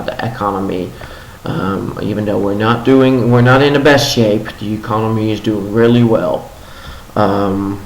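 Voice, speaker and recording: A young man whose first language is Dutch hosts a casual daily news vlog. He talks with many ums and restarts, and his voice sits a little low. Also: creaky, slight background noise. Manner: halting, frequent ums and restarts. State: voice a little low after a concert. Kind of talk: casual news rundown with commentary. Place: home room in Los Angeles. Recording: roomy home recording with faint ambience.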